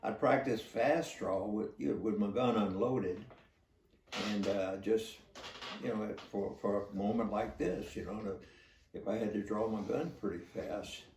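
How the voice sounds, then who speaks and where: An older man, a former police officer, telling a story in a halting, plainspoken way. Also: on the low side, darkish tone, a little hiss or hum. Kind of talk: casual spoken storytelling. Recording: roomy echo, distant from the mic.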